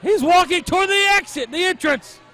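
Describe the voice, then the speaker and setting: A man's voice: very high voice, expressive, fairly quick, pushed and bright. A man working as a wrestling commentator, calling the action in dramatic exclamations and rhetorical questions. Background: crowd at a wrestling event.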